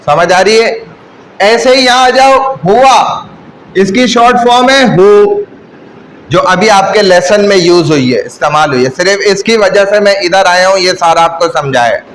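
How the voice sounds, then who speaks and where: A man's voice: high-pitched, a little slow, a bit bright, slight background noise, low-quality recording. A man teaching an Arabic grammar lesson in a classroom, drilling pronouns and coaxing his students to repeat.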